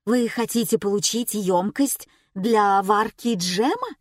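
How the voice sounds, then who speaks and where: A woman's voice: mid-range voice, measured pace, no echo, clean studio sound, natural voice. A woman voicing a courteous, formal male restaurant manager trying to keep his composure. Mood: polite.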